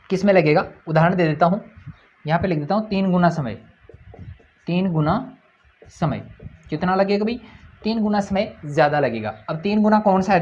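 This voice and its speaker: A man's voice: sits high, darkish tone, muffled recording. A man teaching a grammar lesson at a board. He keeps asking his own questions, answers them, and repeats each point.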